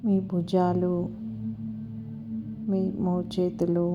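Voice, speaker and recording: A woman slowly and softly guiding a body-scan meditation, with long pauses. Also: fairly low pitch, monotone. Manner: slow, soft and soothing, with long pauses. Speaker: meditation guide. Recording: slightly dull audio with music behind. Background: soft music and a singing bowl.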